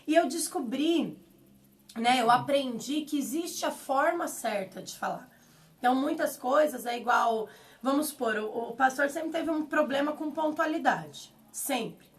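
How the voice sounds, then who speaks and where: A woman in her thirties from Paraná, a pastor with a Paraná Brazilian Portuguese accent, talking in a casual, expressive way in an office. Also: sits high. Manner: talkative, expressive, laughs easily. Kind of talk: casual chat. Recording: voice a bit far from the mic.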